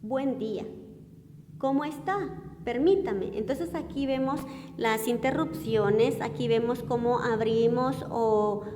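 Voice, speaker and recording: A woman teacher gives a recorded language lesson. She explains slowly, gives many examples and checks in with "¿verdad?". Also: on the high side, darkish tone, big-room sound, a little hiss or hum.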